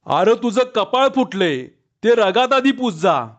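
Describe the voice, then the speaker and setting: A man reading a village story voices Saka, a burly, hot-tempered village man who shouts irritably. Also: high-pitched, big pitch swings, unhurried, highs cut off, voice pushed up, heavily acted. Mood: alarmed.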